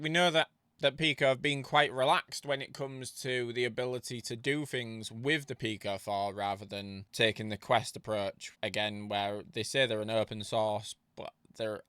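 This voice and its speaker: A man's voice: mid-range voice, bright, forceful tone, smooth, no room sound, clean studio sound. A man giving casual, opinionated vlog commentary, thinking aloud with frequent restarts. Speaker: tech YouTuber.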